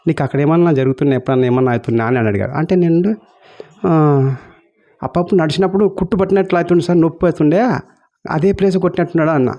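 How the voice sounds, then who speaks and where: A man's voice: on the high side, very fast, pauses often, dark tone. A man from Kurnool, telling his own meditation experience as a testimony. He keeps calling the listener "sir" and acts out the dialogue he quotes. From Kurnool, India. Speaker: meditation practitioner sharing experience. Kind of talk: personal testimony.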